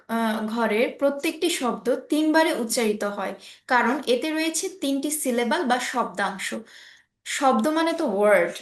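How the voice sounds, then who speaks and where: A woman teaching an English class online, explaining patiently and often checking that her student understands. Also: a little high. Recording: roomy echo.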